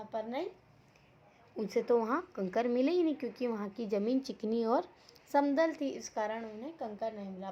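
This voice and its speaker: A woman school teacher gives an online lesson to young children, speaking patiently, repeating words and asking the class questions. Her voice is mellow and on the high side, and the audio is dull and lo-fi with faint noise.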